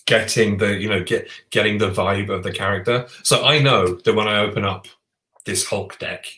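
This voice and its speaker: A man with a fairly low voice chats eagerly as a podcast co-host, often restarting his sentences. His voice bounces around a roomy, echoey space. The talk is loose and conversational. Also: pushed and bright. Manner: chatty and enthusiastic, with frequent restarts. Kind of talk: casual chat about board games. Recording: roomy echo.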